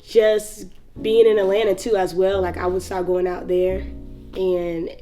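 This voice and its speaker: A woman's voice: mid-range voice, level tone, a little slow, mellow, faint music behind. Laid-back Southern woman telling her story. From North Carolina, US. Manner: laid-back, many "like"s, frequent laughs. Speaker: rapper. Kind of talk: casual interview storytelling.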